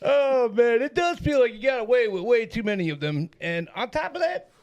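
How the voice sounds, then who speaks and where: A man with a high, gravelly voice co-hosts a casual true-crime podcast. He talks with heavy sarcasm and plenty of swearing. He breaks into laughter between his points. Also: lively intonation, normal speed, dull audio. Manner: sarcastic, profane, laughs often. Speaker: podcast co-host.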